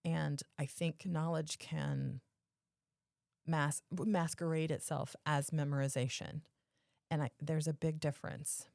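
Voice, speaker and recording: A woman's voice: low-pitched, steady tone, measured pace, gravelly, darkish tone, no room sound, clean studio sound. A woman co-hosting a podcast, explaining her points casually and emphatically, often rephrasing them. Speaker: podcast co-host.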